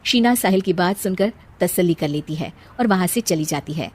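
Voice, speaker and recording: A woman narrating a cartoon story in a dramatic, even storytelling manner. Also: on the low side, moderate pace, breathy edge.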